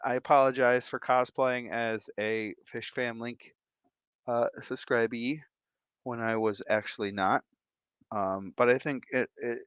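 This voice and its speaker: Man, livestream host, casual chat, effusive, lively swooping pitch, dry close sound. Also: no echo, highs cut off. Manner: excitable, effusive, laughs often.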